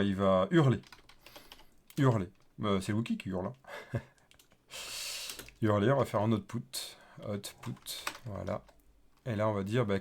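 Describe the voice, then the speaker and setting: A man with a fairly low voice talks through a live coding tutorial in a loose, chatty way. He thinks aloud and fills pauses with hesitations while he types. A faint hiss and keyboard clicks sit under his voice. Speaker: developer teaching a coding livestream.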